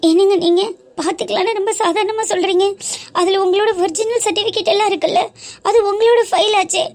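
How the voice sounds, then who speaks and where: A woman's voice: extremely high pitch, steady tone, a little fast, darkish tone. A woman voicing a remorseful, apologetic young woman in a family cartoon. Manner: pleading, self-blaming. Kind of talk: cartoon dub acting.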